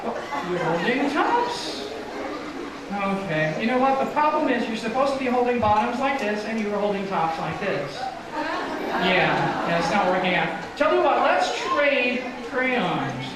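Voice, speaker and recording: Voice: mid-range voice, very animated, measured pace, over a noisy crowd. A kids party magician hosting a live children's show, talking the audience through things in simple steps. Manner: kids party magician patter, coaching a child volunteer step by step. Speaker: kids' show magician and entertainer. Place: live show in an echoey room. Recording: echoey room, far from mic, loud music.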